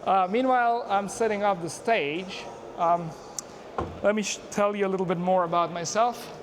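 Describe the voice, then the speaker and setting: Chatty man vlogging outdoors, noisy. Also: high voice. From Afghanistan. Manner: chatty, self-narrating, quick asides and laughs. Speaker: YouTuber and software engineer. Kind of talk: casual on-the-street vlog chat. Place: outdoors at a busy conference venue. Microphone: handheld mic.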